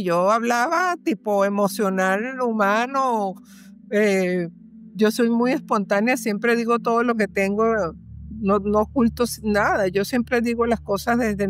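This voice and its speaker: A woman's voice: medium pitch, a little slow, soft background music. A woman guest in an interview, telling a personal story earnestly and repeating phrases for emphasis.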